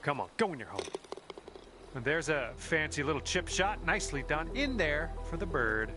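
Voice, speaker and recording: A man's voice: a little high, big pitch swings, moderate pace. A man voicing a cheerful, encouraging golf caddie in a game, calling shots in an upbeat, folksy way over background music. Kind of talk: game voice lines.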